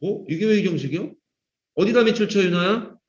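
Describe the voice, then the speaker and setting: A man with a fairly high voice teaches an English grammar class in a classroom, calling on students by name and slipping in teasing jokes. The sound is dull and lo-fi. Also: expressive, a little fast. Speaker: English teacher at a cram school.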